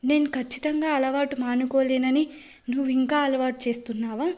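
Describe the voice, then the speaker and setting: Brief: woman reading a high, sobbing young wife in a storybook drama, pleading and desperate. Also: fairly even intonation, brisk, darkish tone, close to an everyday voice. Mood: tearful. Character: young wife, tearful and pleading, struggling with a drinking habit. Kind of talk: audiobook character reading.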